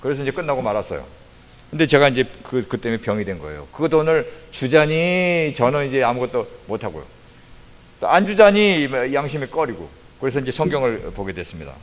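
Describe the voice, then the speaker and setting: A man preaching a testimony sermon as a missionary, telling his story with lively acted-out quotes. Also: medium pitch, brisk. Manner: animated storytelling, acts out quoted voices. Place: church sanctuary. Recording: long hall reverb.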